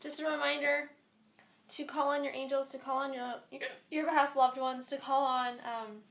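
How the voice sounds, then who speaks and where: A woman's voice: high-pitched, steady tone, normal speed, creaky. A woman giving a chatty spiritual angel card reading, recorded on a phone, with frequent laughs. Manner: chatty, laughing often, warm spiritual encouragement. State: hiccuping.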